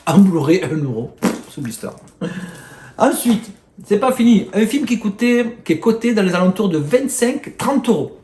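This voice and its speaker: Excitable rambling man with Marseille accent. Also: sits high, normal speed. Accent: Marseille French. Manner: excitable, rambling, with many fillers and mild swearing. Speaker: video host showing flea-market finds. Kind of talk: casual chat to camera. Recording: echoey room with faint noise.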